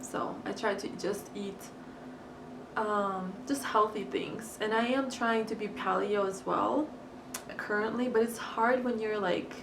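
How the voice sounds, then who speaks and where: This casual chat comes from a young vlogger from Crimea, Ukraine whose native language is Russian; she eats as she talks, giggling and using lots of fillers. Her pitch is medium, her tone steady, and she's unhurried. The mic is far away in an echoey room, and there's hiss.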